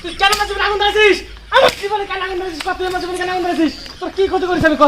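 A man's voice: extremely high pitch, little pitch movement, very fast, heavy background noise. A man acting a jealous husband who accuses his wife in a homemade comedy skit, repeating himself and half laughing as he scolds. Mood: angry. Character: jealous angry husband, middle-aged man. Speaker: channel host in a family skit. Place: outdoors in a garden.

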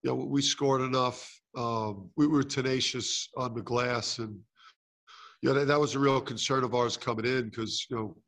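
A man's voice: medium pitch, fairly even intonation, normal speed, fairly bright tone. A middle-aged man, a head basketball coach, answering questions at a postgame press conference with many fillers and restarts. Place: press conference room with sponsor backdrop. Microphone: table mic close in front.

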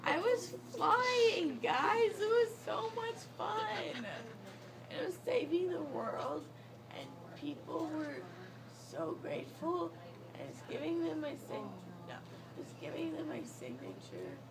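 A young woman groggy from anesthesia, rambling boastfully and casually in drawn-out words from a hospital bed. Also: extremely high pitch, sing-song. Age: young adult. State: groggy from anesthesia after surgery. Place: small hospital recovery room, lying in bed. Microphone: handheld phone a short way off. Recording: noisy handheld phone recording.

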